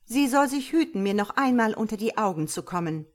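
A woman's voice: mid-range voice, very animated, a little slow. A woman reading a storybook aloud and voicing a stately, commanding female God.

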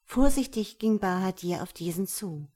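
A woman reads a fairy tale aloud in a calm, measured manner. Her voice sits at a middling pitch. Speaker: storyteller. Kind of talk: scripted fairy-tale narration.

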